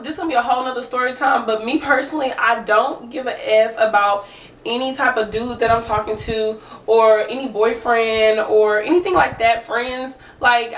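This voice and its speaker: A young woman chats through a storytime vlog, animated and talking straight to her viewers. Her voice sits a touch high and reaches the mic from a little way off. The room around her sounds roomy and echoey. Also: far from the mic. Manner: animated, chatty, addresses viewers directly. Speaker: vlogger. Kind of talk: casual storytime chat. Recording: roomy echo, speaker away from the mic.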